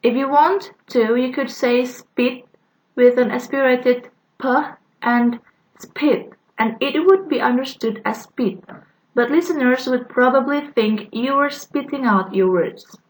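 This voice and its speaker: Halting young woman giving a class talk. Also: high voice, poor audio. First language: Indonesian. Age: young adult. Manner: halting, with frequent "uh" fillers and restarts. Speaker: student presenter. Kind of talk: class presentation on phonetics.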